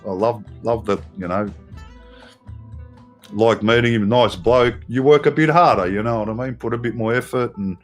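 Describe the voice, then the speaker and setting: A man's voice: mid-range voice, normal speed, faint music behind. A middle-aged man with an Australian accent, chatting casually on a livestream, full of fillers and "mate". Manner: loose, swearing, lots of "mate" and fillers. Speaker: livestream co-host. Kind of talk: casual chat.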